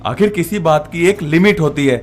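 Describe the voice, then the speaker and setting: A woman's voice: extremely low pitch, expressive, normal speed, faint music behind. A woman voicing an earnest young man in a cartoon story, speaking in a pleading way. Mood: indignant. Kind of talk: Hindi cartoon dubbing.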